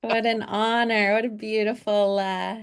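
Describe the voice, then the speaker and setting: A woman's voice: mid-range voice, level tone, measured pace, smooth. A woman moderating an online discussion, effusive and gushing with praise. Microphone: video call.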